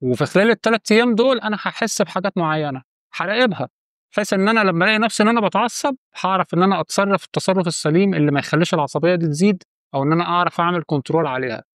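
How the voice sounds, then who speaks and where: A man's voice: sits high, racing, a bit bright, no room sound, studio quality. A man with an Egyptian Arabic accent giving direct, coaching advice to the viewer in a casual monologue. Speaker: channel host giving quit-smoking advice.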